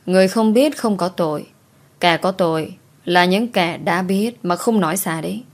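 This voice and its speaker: A woman voicing a calm young master. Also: on the low side, lightly acted. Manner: measured, reasoning. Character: calm fair-minded young master of the house.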